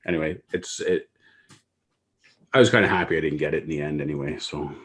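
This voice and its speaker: Low-voiced male co-host, casual storyteller who acts out quoted lines. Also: brisk. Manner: storytelling, animated retelling of conversations. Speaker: podcast co-host. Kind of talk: casual chat.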